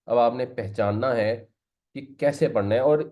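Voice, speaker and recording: A man teaching a lesson on Arabic grammar, explaining step by step and slipping English words into his talk. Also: mid-range voice. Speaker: Quran teacher. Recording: slightly muffled lo-fi recording.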